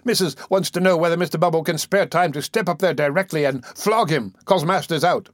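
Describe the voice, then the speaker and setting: A man's voice: on the high side, brisk, no room sound, clean studio sound, voice pushed up, lightly acted. A man voicing a sly, whining young charity-boy bully in an audiobook, a put-upon whimper in his tone. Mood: eager.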